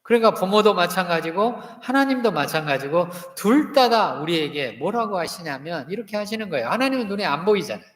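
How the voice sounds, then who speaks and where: A pastor in his fifties gives a sermon in a church sanctuary. His voice sits a little high for a man, and it rings through a roomy hall with a long tail of reverb. He keeps asking the congregation questions and has them repeat lines after him. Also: very animated, fairly quick, few pauses.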